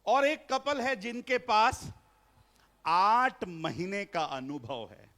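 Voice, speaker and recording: In a church hall, a middle-aged pastor preaches a Hindi sermon at a family seminar, slipping in English phrases and joking with the congregation. His voice is high-pitched and bright, with lively intonation, a slow pace, and a forceful tone.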